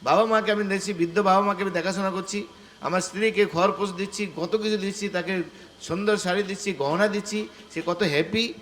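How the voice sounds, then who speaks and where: A man's voice: sits high, fairly even intonation, fairly quick, a bit bright, slight background noise. A male preacher voicing a stubborn, defiant bandit in a retold scripture story. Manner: stubborn, insistent. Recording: echoey room.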